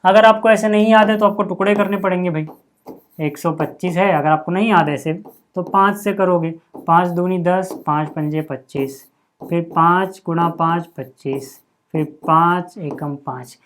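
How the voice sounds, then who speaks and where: A man's voice: sits high, fairly even intonation, normal speed, a bit bright, a little hiss or hum. A man teaching a maths lesson in a casual classroom way, explaining step by step and often checking in with the students. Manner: chatty, repeats "ठीक है", calls viewers "भाई" and "यार".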